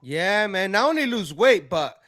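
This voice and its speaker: A man's voice: sits high, big pitch swings, a little slow, a bit bright, no room sound. A man hosting a casual interview, friendly and rambling, often repeating his words. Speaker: host.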